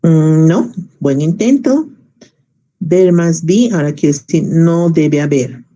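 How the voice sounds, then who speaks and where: A man's voice: fairly high pitch, takes it slowly, warm tone, dull audio. A man teaching an English grammar class in Spanish, explaining patiently step by step and quizzing his students.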